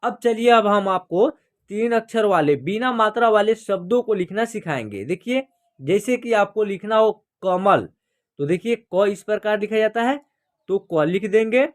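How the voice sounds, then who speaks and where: A man teaching Hindi reading and writing in a slow, patient classroom manner, repeating each letter and asking questions. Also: high voice, expressive.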